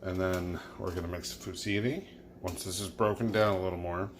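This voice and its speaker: A man's voice: low voice, fairly even intonation, fairly quick, background noise. A tipsy man hosting a casual home cooking video, loose and chuckling as he talks viewers through the dish. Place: home kitchen.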